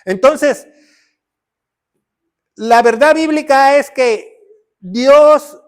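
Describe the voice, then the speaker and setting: A man preaches emphatically in a strikingly high voice. He swings between loud declarations and quiet, low lines. He keeps checking in with his listeners through short tag questions. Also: extremely slow. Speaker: pastor. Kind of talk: sermon.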